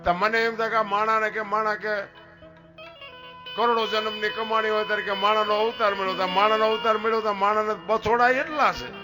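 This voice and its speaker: A man telling folk stories to an audience in a lively, teasing, rustic way. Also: sits high, a little fast, over music. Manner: rustic, lively, teasing storyteller who asks the crowd questions. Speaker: folk storyteller. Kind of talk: humorous folk talk to an audience.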